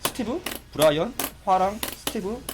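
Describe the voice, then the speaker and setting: A man giving excitable live commentary on a fighting game, exclaiming and complaining as he plays. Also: high-pitched, moderate pace, noisy background. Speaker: gaming streamer.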